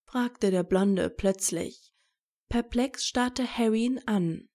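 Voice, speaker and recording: With a mellow voice pitched in the middle range and a noticeable fry, a woman takes her time narrating a scripted story.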